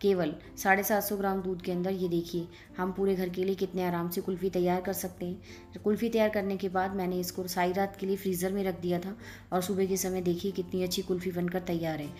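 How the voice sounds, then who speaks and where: Woman cooking host doing a calm voice-over, explains every step, faint music behind. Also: fairly low pitch, a little fast. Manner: calm step-by-step instructing, addressing viewers directly. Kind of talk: voice-over recipe demonstration.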